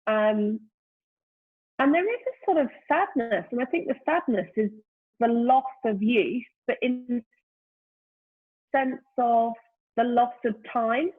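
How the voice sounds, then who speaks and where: A woman's voice: on the high side, takes it slowly, long pauses, slightly rough. Reflective woman in her fifties on a tinny call. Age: 50s. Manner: thoughtful, searching for words with many "you know"s. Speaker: guest, brand founder. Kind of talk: reflective casual conversation. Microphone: remote call during lockdown. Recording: tinny phone-like call line.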